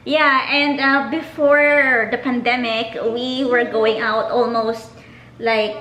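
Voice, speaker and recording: Woman vlogger, high voice. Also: level tone, slow, pushed and bright, echoey room, rough recording. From Philippines. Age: 30s. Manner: chatty, reads out viewer questions. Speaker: vlogger host. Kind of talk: casual Q&A chat.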